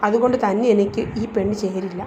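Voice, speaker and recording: A woman's voice: medium pitch, steady tone, quick pace, darkish tone, dull audio, a little hiss or hum, natural voice. A woman reading a blunt irritated young man. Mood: contemptuous. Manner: blunt, cutting.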